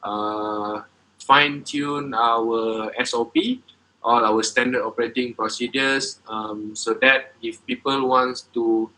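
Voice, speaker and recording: A man explains his business plans in a bright, forward voice. He pauses often and fills the gaps with "uh" and "um.". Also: mid-range voice, fairly even intonation, poor audio. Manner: hesitant, many filler sounds, halting phrasing. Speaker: coffee business owner presenting. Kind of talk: presentation and Q&A answers.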